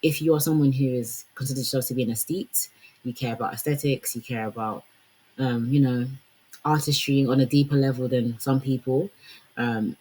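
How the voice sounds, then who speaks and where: On a rough recording, a young woman of Congolese heritage talks fashion and branding in a warm bass voice with a breathy edge. Her delivery is conversational and packed with fillers like "like" and "you know."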